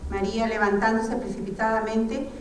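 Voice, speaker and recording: A woman's voice: on the high side, little pitch movement, normal speed, a little hiss or hum. A woman reading the stage directions of a drama script in a plain, matter-of-fact way, in an echoey room far from the mic. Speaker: narrator.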